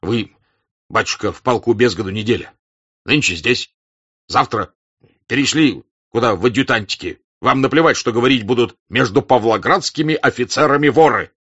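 List: man doing gruff old hussar staff-captain, scolding, fatherly, loud and bright, dull dry recording. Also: medium pitch, normal speed, voice pushed up. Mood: reproachful. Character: gruff older male hussar staff-captain, stern, honest.

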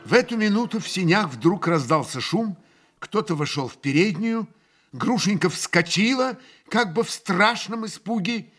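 A man narrating a classic novel in a theatrical, expressive audiobook reading. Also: sits high, moderate pace, faint music behind. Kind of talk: dramatic literary reading.

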